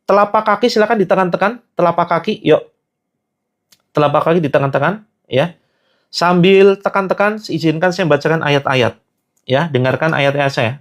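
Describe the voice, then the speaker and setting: A man's voice: on the high side, normal speed. A man leading a live healing session, urging viewers to repeat prayers and commanding spirits to leave.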